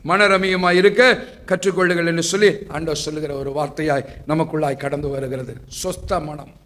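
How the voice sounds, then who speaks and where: A pastor preaching a sermon in church, asking the congregation rhetorical questions and leading call-and-response. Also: male voice, a little high, little pitch movement, quick pace, fairly bright tone.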